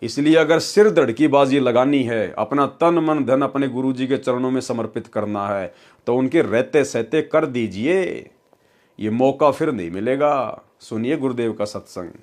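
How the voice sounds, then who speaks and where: Guy doing a devotional talk, earnest, lots of rhetorical questions, normal pitch. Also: measured pace, darkish tone. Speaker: follower presenting the sermon.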